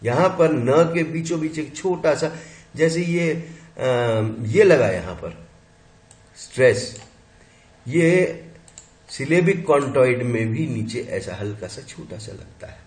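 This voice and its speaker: A male teacher lecturing on pronunciation with a lively, swinging pitch. He talks slowly and carefully, sounding out each syllable as he counts them. The room around him sounds echoey. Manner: slow and explanatory, spelling out sounds and counting syllables. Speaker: linguistics teacher. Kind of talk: classroom lecture.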